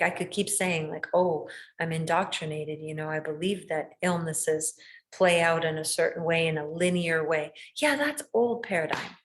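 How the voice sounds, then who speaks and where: A woman hosting a casual spiritual talk, earnest and rambling, with many restarts and questions to the listener. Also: on the low side. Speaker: host.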